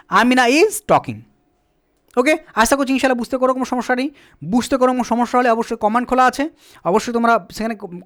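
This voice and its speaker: A male teacher explaining grammar in a patient, repetitive way, asking questions and answering them himself, sometimes spelling words out slowly letter by letter. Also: very high voice, a bit bright. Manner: asks and answers his own questions. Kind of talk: spoken English grammar lesson.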